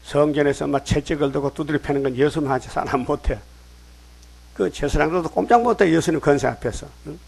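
A man preaches with a gravelly edge to his voice. His voice sits a little high for a man. He reads scripture aloud and keeps firing questions at his listeners, pushing each point hard. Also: brisk, a little mellow. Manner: emphatic, rhetorical questions to the congregation. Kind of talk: sermon.

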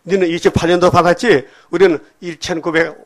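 Older male pastor, lively preaching style with rhetorical questions, somewhat high voice, church setting. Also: fairly quick. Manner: animated, peppered with rhetorical questions to the congregation. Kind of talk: sermon. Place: church sanctuary.

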